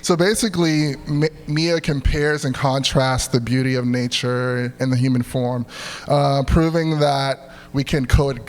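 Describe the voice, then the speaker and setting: A young man co-presenting casually on stage, informal and slangy, with a halting delivery. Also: medium pitch, fairly even intonation. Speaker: art gallery co-founder, co-presenter. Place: stage in a reverberant venue. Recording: reverberant hall.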